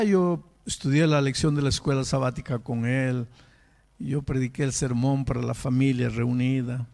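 A man's voice: fairly high pitch, vocal fry, darkish tone. A male pastor preaching a sermon, telling a story and rising to impassioned emphasis.

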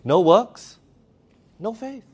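A man's voice: high-pitched, animated, drawn-out words, breathy edge. A man preaching a sermon, emphatic, asking the audience questions and reading scripture aloud.

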